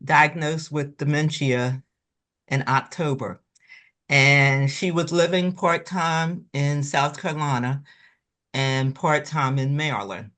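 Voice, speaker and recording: A woman caregiving for a relative asks a question in a webinar over a video call, talking slowly and sounding strained and overwhelmed. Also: low-pitched, fairly bright tone. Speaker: family caregiver attendee. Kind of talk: audience question.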